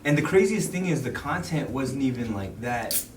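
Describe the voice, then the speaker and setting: Animated slangy man, casual chat, heard from off-mic in a roomy space. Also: medium pitch, normal speed, recorded from a distance, background noise. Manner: animated, slangy, talks through numbers. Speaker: app business owner.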